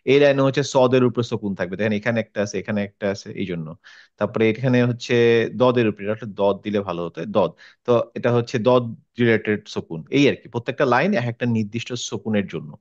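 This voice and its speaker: A man's voice: fairly low pitch, fast, darkish tone, highs cut off. A man teaching an online Quran reading class, patiently demonstrating how each letter is pronounced by repeating it.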